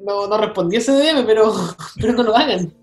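A young man with a Chilean accent, a guest telling stories in a casual interview, full of slang and quick asides. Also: sits high, echoey room, soft background music. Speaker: guest, content creator.

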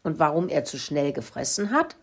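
A woman voicing a clever little girl mouse in a children's story who explains things, husky voice. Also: very animated, normal speed, full character voice. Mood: knowing. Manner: knowing, squeaky.

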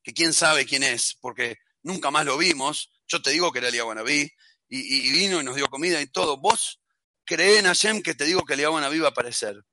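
A man's voice: on the high side, brisk, bright, forceful tone, dry recording. A man voicing an insistent, pleading poor wife in a spoken story. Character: poor devout wife, middle-aged woman, pleading.

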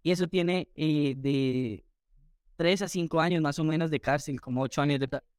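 A man from Colombia, a guest recounting his story in an interview with animated retelling and quoted dialogue. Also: fairly high pitch, normal speed, clear, resonant tone, dry recording, clean studio sound. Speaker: entrepreneur guest.

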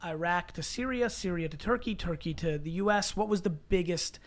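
Enthusiastic man as host, quick energetic questions in a relaxed interview. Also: high voice. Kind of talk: casual interview chat.

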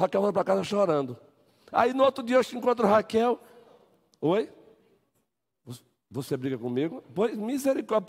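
A Brazilian-accented man teaches a Bible lesson to his congregation in an easygoing, humorous way. His voice sits high. Long reverb from the church hall trails his words. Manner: animated, joking, acts out scenes. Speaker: pastor teaching Sunday school. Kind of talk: informal Bible lesson with acted examples.

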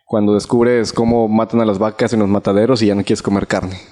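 A man's voice: lowish voice, level tone, brisk, dark tone, long reverb tail. A man hosting a podcast, teasing his guest in casual, dry interview chat. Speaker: podcast host.

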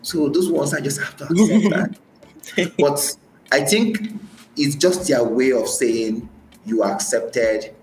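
The speaker, a Nigerian man with a Nigerian accent, appears as a podcast guest talking through his personal experiences and often repeats phrases for emphasis. His pitch is medium and his pace a little slow. The audio carries a bit of hiss or hum, a roomy echo, and faint music.

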